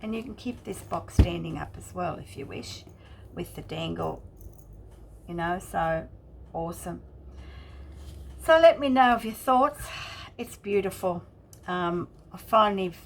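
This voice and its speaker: Creaky-voiced woman, casual craft narration. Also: fairly low pitch, a little hiss or hum. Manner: chatty, halting, explaining each detail as she shows it. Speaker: craft channel host.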